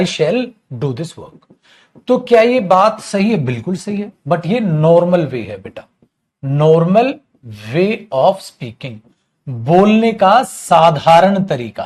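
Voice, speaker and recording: Male tutor, husky, animated delivery, teaching a classroom lesson. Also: a little high. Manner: lively, addresses students as beta, repeats phrases slowly. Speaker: English teacher.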